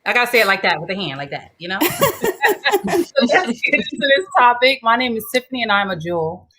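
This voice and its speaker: A woman's voice: medium pitch, expressive, fast, pushed and bright. A woman co-hosting a live chat show, hyped and playful as she opens and talks through the topic. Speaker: podcast co-host opening the show.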